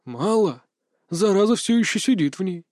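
Male reader as cruel old sorcerer: folksy, sly, higher than his own voice, dry close read. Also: lively intonation, normal speed, darkish tone, no echo. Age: older. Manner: folksy, chatty, mock-tender.

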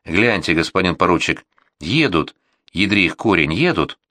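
A man's voice: low voice, expressive, normal speed, bright, forceful tone, no room sound, full character voice. A man voicing a plain-spoken soldier who talks in a folksy, cursing way. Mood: urgent.

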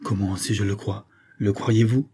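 A man's voice: fairly low pitch, steady tone, normal speed, mellow, slight background noise, close to an everyday voice. A man reading the lines of an anxious young woman who speaks in an urgent, bewildered way.

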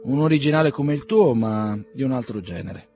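A man's voice: medium pitch, lively intonation, normal speed, creaky, dark tone, soft background music, pitched above the performer's own voice. A man voicing a blunt, impatient young man who brushes off his father's apologies. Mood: brusque. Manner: curt, dismissive.

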